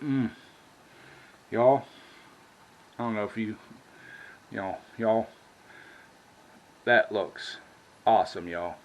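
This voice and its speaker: With a fairly low voice, very slow delivery and long pauses, an American man talks to the viewers of his casual home cooking vlog, folksy and plain-spoken, calling them y'all. Recorded in an indoor home kitchen, the audio has its highs cut off and clear background noise with kitchen ambience.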